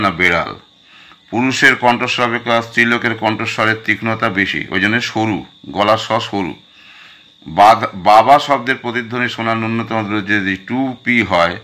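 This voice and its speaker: A man's voice: lowish voice, bright, forceful tone. A man teaching a school physics revision lesson, going through questions one by one and speaking directly to his students. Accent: Bengali.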